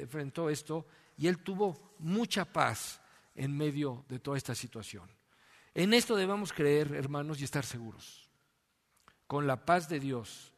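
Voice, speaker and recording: Male pastor, sermon, storytelling with rhetorical questions, slightly high voice, long hall reverb.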